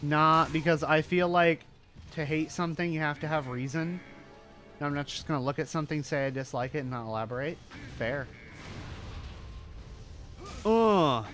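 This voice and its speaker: A man's voice: fairly high pitch, fairly even intonation, fairly quick, fairly bright tone, soft background music. A male streamer chatting casually while playing, ranting with swearing and self-mocking jokes. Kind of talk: casual gaming stream chat.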